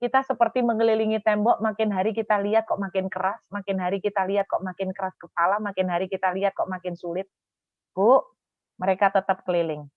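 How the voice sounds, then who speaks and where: A woman pastor delivering a sermon to a women's gathering, telling the story with lively acted-out dialogue and shifting to soft, earnest urging. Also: mid-range voice, no room sound, narrow, tinny audio. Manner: animated storytelling, acts out dialogue in quick voices.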